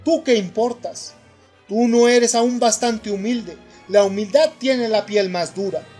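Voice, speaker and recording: A man's voice: high voice, unhurried, darkish tone, soft background music. A man reading the lines of a stern, voiceless inner voice in a spoken audiobook, grave and urging.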